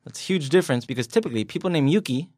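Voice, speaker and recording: Speaking very fast with a fairly high, animated and slightly mellow voice, an American co-host walks through a podcast language lesson. He explains plainly, asks his co-host leading questions and cracks light jokes. There's no room sound; the mic picks him up close and dry.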